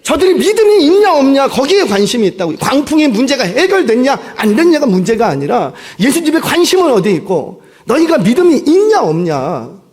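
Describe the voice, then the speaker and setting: A man who is the senior pastor, preaching a sermon with animated delivery and putting questions to the congregation. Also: very high-pitched, fairly quick, hardly any pauses, breathy edge. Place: church sanctuary. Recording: long church hall reverb.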